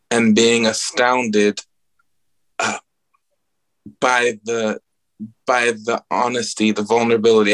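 A man's voice: mid-range voice, a bit bright. A man from the Bahamas, a guest musician, speaking earnestly and reflectively at an event and often searching for his words. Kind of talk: casual spoken remarks at an event.

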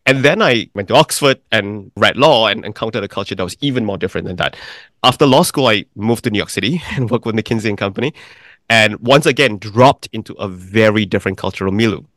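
A middle-aged man from Malaysia answers interview questions in a calm, deliberate way, listing his points in careful order. His voice sits fairly low. The sound is dry and close, with almost no room echo. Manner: deliberate, explanatory, lists points in sequence. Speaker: investment firm founder, guest.

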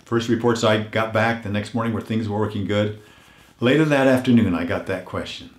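An older man delivers a weekly motivational message, earnest and unhurried, his fairly low voice a little hoarse as though he's losing it. He often drops to a hush on heartfelt points, and the sound is roomy.

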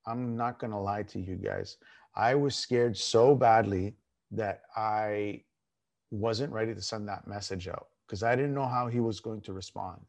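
A man's voice: on the low side, vocal fry, a little mellow. Emphatic man giving a motivational talk. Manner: emphatic, with repeated phrases and dramatic slowed stresses; informal, candid, mildly crude. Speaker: fitness and mindset coach, show host. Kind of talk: motivational coaching talk to an online audience.

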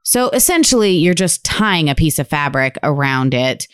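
Woman podcast co-host, low-ish smooth voice, dry close sound, chatty and laughing. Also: big pitch swings, moderate pace, no echo. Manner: chatty, laughs often, says y'all. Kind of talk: casual chat.

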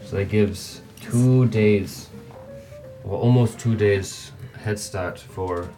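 Male game master, relaxed and chatty, lowish voice; light background music. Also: takes it slowly, recorded from a distance. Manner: casual, laughs often, voices NPCs. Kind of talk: narrating a tabletop game.

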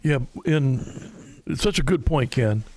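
A man's voice: medium pitch, animated, slow pace, a little mellow, no room sound. A man co-hosting a conversational Bible study, explaining a passage verse by verse and reading scripture aloud. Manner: explanatory, reads scripture aloud, stumbles over words at times. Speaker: Bible teacher co-host.

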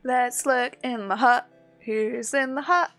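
A woman with a fairly high voice chats along as the player in a game-book podcast, jokey and undecided, trailing off with ums. Faint music sits behind her. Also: slow pace, a bit bright. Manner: chatty, jokey and indecisive. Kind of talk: casual chat while playing along.

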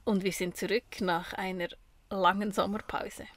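A woman's voice: medium pitch, steady tone, moderate pace, no echo. A woman co-hosting a podcast in casual, conversational chat. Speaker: podcast co-host. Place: small camper van used as studio.

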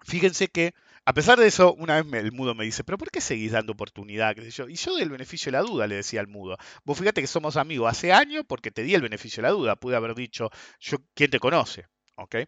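A man's voice: mid-range voice, fast talker, no room sound. A man with a Rioplatense Spanish accent telling stories about trading to viewers, often tagging sentences with "ok?". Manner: lively storytelling, frequent "ok?" tags. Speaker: trading educator. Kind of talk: casual monologue to viewers. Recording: dull, dry lo-fi sound.

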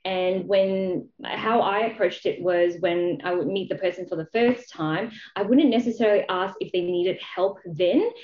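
A Malaysian woman, a charity founder appearing as an interview guest, casually explains her experience, often slipping in "you know." Her lowish voice moves at a moderate pace with hardly any pauses, and the recording sounds dull, roomy and echoey.

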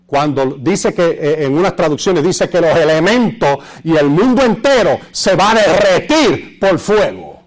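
A man with a Puerto Rican Spanish accent preaching and reading scripture, repeating phrases for emphasis and pausing to search for words. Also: a little high, very animated. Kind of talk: sermon with Bible readings and asides to listeners.

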